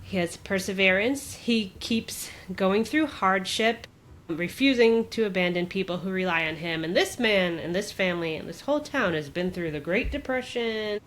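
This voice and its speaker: A woman's voice: mid-range voice, animated, normal speed. Chatty woman retelling a story. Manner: chatty retelling, peppered with "like" and laughs. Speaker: podcast co-host. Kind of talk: casual chat.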